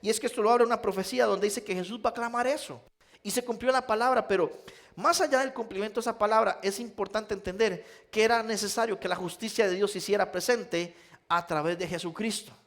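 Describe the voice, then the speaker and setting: A high-voiced male pastor with a Nicaraguan accent delivers a sermon. He tells stories and speaks straight to his listeners, moving between loud appeals and hushed, slower passages. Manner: storytelling, addresses listeners as "usted", shifts between loud and hushed.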